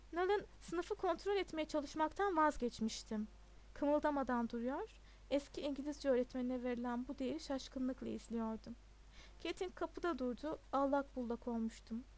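A woman reading a novel aloud as an audiobook narrator in a steady, even way. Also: high-pitched.

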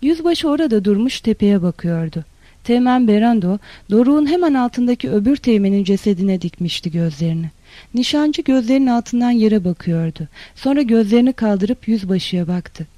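A narrator reading a literary novel in a steady, even storytelling manner. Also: mid-range voice, normal speed, no echo. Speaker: audiobook narrator.

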